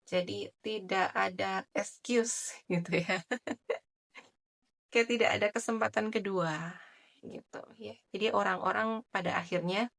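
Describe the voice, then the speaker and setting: A woman giving a general tarot reading in a soft, chatty way, with many filler tags. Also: fairly low pitch, gravelly. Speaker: tarot reader.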